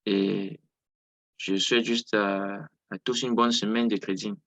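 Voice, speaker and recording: A man's voice: on the low side, flat delivery, unhurried, creaky, fairly bright tone, dull audio. A man coaching on trading over a video call, explaining in a hesitant, casual way with frequent fillers. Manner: hesitant, many fillers and restarts. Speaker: trading coach hosting a Zoom session.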